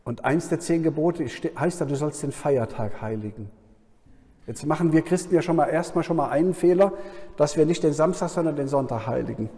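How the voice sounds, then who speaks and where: Preacher with a "ja?" habit, reverberant hall. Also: male voice, fairly high pitch, fairly quick, dark tone. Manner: frequent questioning "ja?" to the audience. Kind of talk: sermon at a Bible conference.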